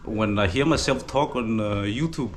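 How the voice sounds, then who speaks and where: His voice on the low side and his pace moderate, a twenty-something vlogger from Denmark answers viewer questions at a village gathering in Fiji. The chat is casual and halting, laden with fillers, and his Danish accent carries a hint of Fijian; slight hiss or hum is audible.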